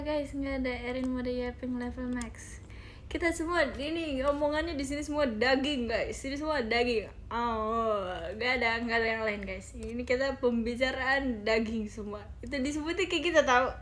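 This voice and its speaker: High-voiced, chatty young woman on a phone stream. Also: a little hiss or hum. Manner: chatty and giggly, often addresses viewers as guys. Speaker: idol live streamer. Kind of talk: casual live-stream chat, reading viewer comments.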